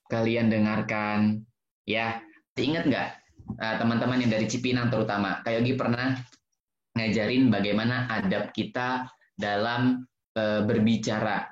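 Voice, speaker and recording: A man teaching a lively religious lesson to children over a video call, acting out children's voices with big jumps in pitch. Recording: roomy, dull video-call audio.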